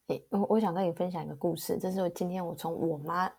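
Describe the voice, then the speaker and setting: A young woman, co-hosting a casual podcast and telling stories calmly, laughing easily. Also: lowish voice, fast, slightly rough. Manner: calm, laughs easily, storytelling. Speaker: podcast co-host. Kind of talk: casual chat.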